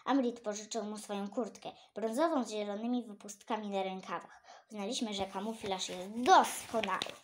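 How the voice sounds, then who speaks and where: A woman reading a children's book aloud, animated, her voice leaping up for exclamations. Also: moderate pace, a little hiss or hum. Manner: animated, jumps high for exclamations. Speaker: storyteller.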